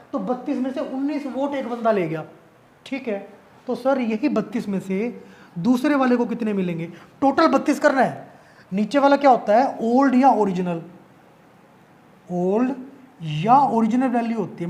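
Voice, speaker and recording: A man's voice: very high voice, a little mellow. A male math teacher explaining an exam-prep lesson casually, asking questions and answering them himself.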